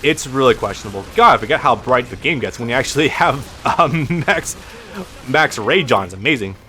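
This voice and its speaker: Man, lisp, mid-pitched voice, casual game commentary, profane and rambling, faint game music behind. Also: animated, moderate pace, bright, forceful tone. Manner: rambling, profane, frequent restarts. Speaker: let's play host.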